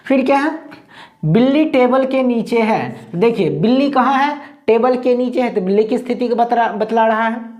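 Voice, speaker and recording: A woman's voice: a little high, moderate pace, darkish tone. A woman from India with a Bihari Hindi accent, teaching English grammar in a lesson. She asks a question and then answers it herself, and often says "okay guys". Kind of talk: classroom-style grammar lesson.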